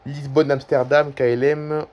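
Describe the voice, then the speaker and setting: A man's voice: a little high, little pitch movement, measured pace, a little mellow. A man casually commenting on a live flight-tracking map he is clicking through, hesitating, rambling and correcting himself as he goes. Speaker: YouTuber. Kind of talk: casual screen-recording commentary.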